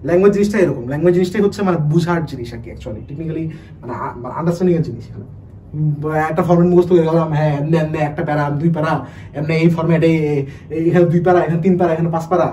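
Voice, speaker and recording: A man teaches an online class at a breakneck pace, his fairly high, mellow voice tumbling through restarts and quick questions to his students. He sounds set back from the mic, with a faint hum of noise underneath. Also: far from the mic, rough recording. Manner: rapid, restarts often, asks the students rhetorical questions. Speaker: admission test English teacher.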